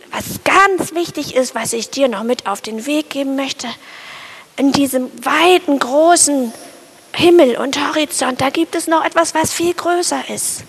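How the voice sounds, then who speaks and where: A wise old dove gently reassures a worried little bird, voiced by a woman storyteller. The voice sits fairly high with a gravelly edge, calm and kindly, as in a children's storybook. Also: in a large hall.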